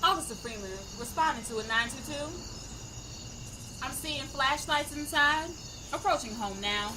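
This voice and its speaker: A woman's voice: high-pitched, normal speed. A woman playing a female police officer giving clipped, procedural call-outs over her police radio. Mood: matter-of-fact. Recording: distant mic outdoors, loud crickets and vehicle noise.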